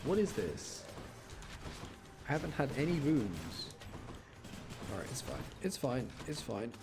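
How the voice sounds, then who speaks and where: This game streamer has a mid-range voice and is very animated, though his pace is measured. In casual, chatty live commentary, he explains mechanics and mutters to himself, while game sounds run behind him in a clear recording with background noise.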